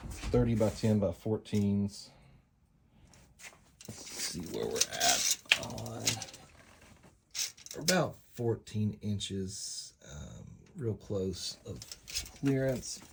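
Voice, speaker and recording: A man casually narrating a product test, halting as he thinks aloud. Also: fairly low pitch, expressive, creaky, very noisy. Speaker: off-road vehicle vlogger.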